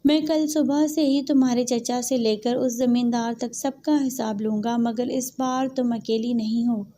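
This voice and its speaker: Woman reading a stern husband gone soft. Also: on the high side, steady tone, slight background noise, close to an everyday voice. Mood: earnest. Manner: soft, earnest, confessional. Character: stern young husband turning tender, man.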